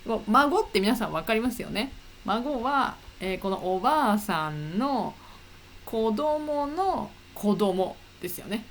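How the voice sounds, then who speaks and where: A woman who hosts a podcast for learners, telling an everyday story and stopping to slowly explain and repeat words for her listeners. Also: fairly high pitch, lively intonation, slight background noise. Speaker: Japanese teacher podcaster.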